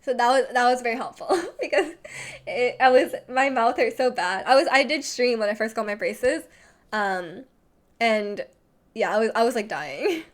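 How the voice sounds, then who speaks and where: A young woman streamer with a slight lisp reads chat messages and chats casually, rambling and saying "like" constantly. Her voice is on the high side and expressive, moving at a moderate pace.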